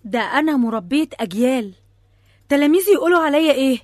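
A prim, anxious pregnant schoolteacher, fussy and flustered, rattling on in Egyptian speech. Her voice is high and very fast, in a dry recording. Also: animated, no echo.

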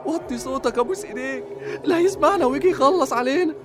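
A man voicing a jittery, cowardly young man with an Egyptian accent, pleading and whining. His high voice leaps up and down, with faint music behind it. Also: very animated, fast talker. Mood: panicky. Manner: panicky, whiny, pleading.

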